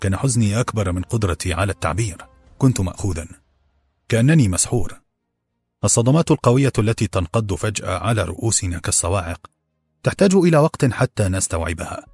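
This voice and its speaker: راوٍ رجل بصوت عميق مبحوح. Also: male voice, lowish voice, expressive, fast, darkish tone, slightly rough, dry recording, soft background music. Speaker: audiobook narrator. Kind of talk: scripted narration.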